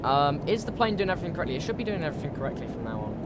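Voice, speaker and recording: A British man with a slightly croaky voice from a cold, chatting informally and thinking aloud as he live streams a flight sim. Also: fairly high pitch, sing-song, rapid-fire, heavy background noise. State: recovering from a cold. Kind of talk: casual live stream chat while flight simming.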